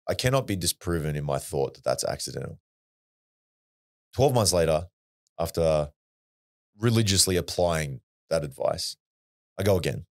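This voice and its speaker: Very deep-voiced Australian man. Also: a little mellow. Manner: blunt, swears freely, earnest. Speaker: podcast guest. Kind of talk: casual storytelling.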